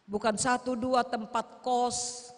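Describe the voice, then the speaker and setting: A woman's voice: a little high, flat delivery, slow. A woman preacher, exhorting and pleading with her congregation in a sermon. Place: church sanctuary. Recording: long church reverb.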